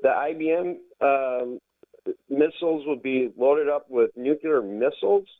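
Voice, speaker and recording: A man's voice: medium pitch, no echo. Man calling in over the phone. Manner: halting, restarting, stumbles over words. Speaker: radio call-in listener. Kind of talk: call-in talk radio. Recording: tinny phone line, dry.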